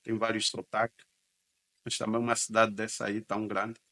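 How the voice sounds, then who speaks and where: A man's voice: fairly low pitch, level tone, moderate pace, sharp tone. A man hosting a reaction video, speaking in casual commentary, chatty and repeating words as he reacts.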